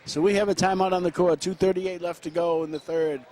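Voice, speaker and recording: A man calling play-by-play for a high school basketball game, running through quick action with frequent fillers and restarts. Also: steady tone, darkish tone. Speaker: play-by-play announcer.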